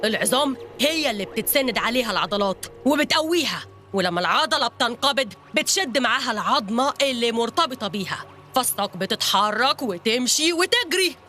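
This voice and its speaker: A jumpy, excitable coach from a children's audio drama, voiced by a woman, high and bright, with lively swoops. Talks fast and stammers whenever fear takes over. Light music plays underneath. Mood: explaining. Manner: excitable, faints and stammers in panic. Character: jittery coach Captain Saaq, panics at cramps.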